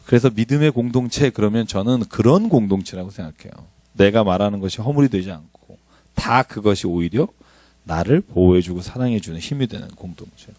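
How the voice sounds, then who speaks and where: A man's voice: lowish voice, fairly quick, no room sound. A middle-aged male pastor giving a conversational sermon, joking as he teaches. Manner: conversational, animated, joking asides.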